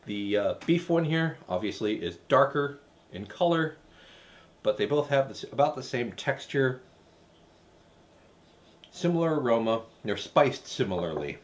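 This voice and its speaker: A man's voice: medium pitch, very animated, measured pace, pauses often. A man hosting a recipe show, tasting a dish with dry, hesitant, wry asides. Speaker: cooking show host. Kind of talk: casual recipe review.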